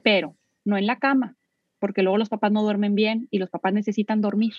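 A woman's voice: medium pitch, fairly even intonation, fairly quick, no echo, lo-fi sound. A woman, a parenting expert speaking as a guest, who animatedly acts out talks between parents and children. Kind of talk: guest in a casual interview.

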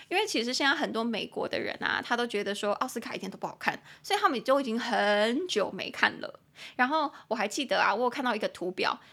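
A young woman hosting a casual podcast lesson, chatting in a relaxed way and slowing down to model and spell English phrases. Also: fairly high pitch. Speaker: podcast host teaching English.

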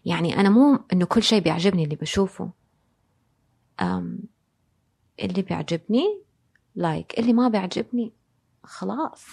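A woman's voice: medium pitch, sing-song, brisk, creaky, pauses often, a little mellow, slightly rough. A woman, a guest in a casual interview, speaking reflectively and dropping English phrases into her speech. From Saudi Arabia. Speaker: guest, designer and blogger.

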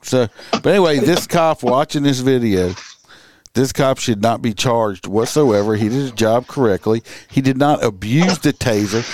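A man's voice: mid-range voice, darkish tone, a little hiss or hum. A man from Louisiana with a Cajun accent, hosting a podcast in casual chat, talking bluntly and swearing often. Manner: blunt, profane, emphatic. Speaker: podcast host.

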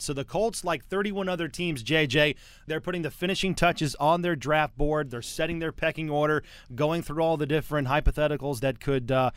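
A man hosting a casual sports podcast in a dry, close studio sound. His voice sits a little high and comes through smooth and clear. He talks in a chatty, teasing way and often restarts mid-sentence. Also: a bit bright, no room sound. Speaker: podcast host.

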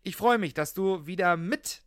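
Man, podcast co-host, casual chat, fairly high pitch, very dry sound. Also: moderate pace, a bit bright, smooth, no echo.

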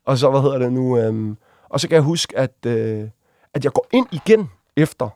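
A man, a guest on an interview, telling a personal story casually, with halting restarts and vivid acted-out quotes. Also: mid-range voice, warm tone, no room sound. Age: adult. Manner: vivid, acts out quoted voices while retelling.

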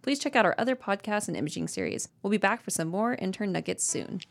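Fast-talking woman, corporate training video style. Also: mid-range voice, expressive, creaky. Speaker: medical podcast host. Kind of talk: scripted educational narration, like a corporate training video.

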